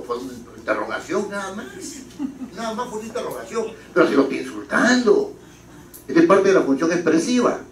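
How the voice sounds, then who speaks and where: Lively male lecturer in an echoey hall. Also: on the high side, distant mic, a little hiss or hum. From Peru. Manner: lively, rhetorical questions, anecdotes. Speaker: parliamentary writing instructor. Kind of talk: classroom lecture.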